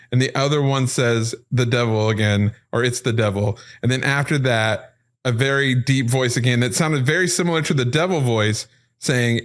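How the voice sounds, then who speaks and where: A man hosting a paranormal podcast, explaining recorded clips step by step in an excited, casual way. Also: medium pitch. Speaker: podcast host.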